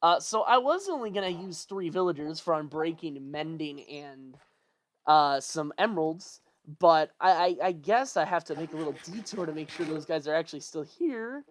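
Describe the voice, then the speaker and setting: Casual let's-play commentary, rambling, thinking aloud, fretful, ordinary pitch. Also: animated, moderate pace. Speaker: gameplay commentator.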